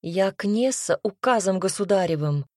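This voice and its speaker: A woman's voice: mid-range voice, expressive, moderate pace, warm tone, no echo, close to an everyday voice. Woman voicing a caustic young noblewoman. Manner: dry, caustic retorts. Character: sharp-tongued young noblewoman mage, proud.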